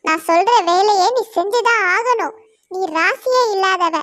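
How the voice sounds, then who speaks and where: Woman playing a greedy bird big sister in a cartoon; very high squeaky voice, contemptuous and commanding, dry studio sound. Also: measured pace, fairly bright tone, no room sound. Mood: scornful. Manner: scornful, commanding. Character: bossy greedy young female bird, older sister.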